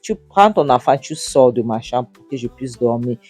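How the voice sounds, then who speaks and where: A narrator acting out an indignant husband who scolds his wife, raising the pitch and repeating "Hein?". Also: expressive, normal speed, a little mellow, breathy edge, dry recording, faint music behind. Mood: berating.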